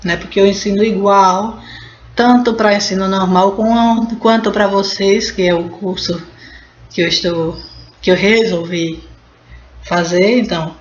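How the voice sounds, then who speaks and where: A woman's voice: mid-range voice, steady tone, a little slow. A Brazilian woman teaching Portuguese in a casual video lesson, talking in a chatty way and stopping to explain and fix words as she goes. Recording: roomy, dull and slightly noisy.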